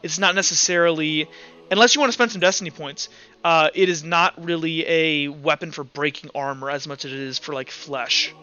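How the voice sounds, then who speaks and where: Acting as game master for a tabletop roleplaying game, a man narrates casually and informally, filling his descriptions with sound effects. His voice is a little high, bright, clear and resonant, forceful and fairly quick, though the highs are cut off. Music plays in the background.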